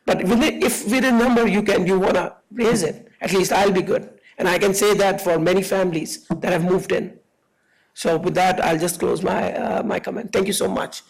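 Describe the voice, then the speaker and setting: A man speaks at a public meeting in a high, strained voice, hoarse and raspy to the edge of a whisper. His delivery is earnest and halting, with repeated words as he makes his case as a parent. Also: steady tone, poor audio. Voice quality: hoarse, raspy, breathy voice from having lost it. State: voice lost from allergies, hoarse and whispery. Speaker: parent giving public comment. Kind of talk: informal public comment at a board meeting.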